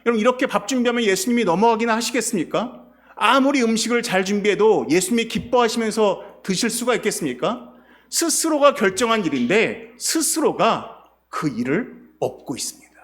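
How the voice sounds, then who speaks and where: A man's voice: high voice, lively intonation, fairly quick, fairly bright tone. Man, pastor, Sunday sermon, rhetorical questions, swooping intonation. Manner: preaching with rhetorical questions to the congregation. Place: church sanctuary.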